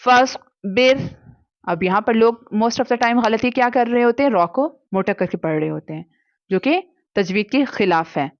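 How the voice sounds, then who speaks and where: A woman teaching children to read the Quran with its recitation rules, explaining patiently and drawing out syllables slowly when she demonstrates them, with English words mixed into her talk. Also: medium pitch, no echo, muffled recording. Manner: mixes English words into Hindi speech. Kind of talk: Quran recitation lesson for kids.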